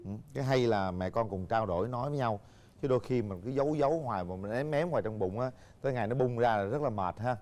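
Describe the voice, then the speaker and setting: A man with a mid-range voice hosts a talk show at a quick pace. He keeps things moving with brisk, leading questions to his guests. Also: medium pitch, a little mellow, slight background noise.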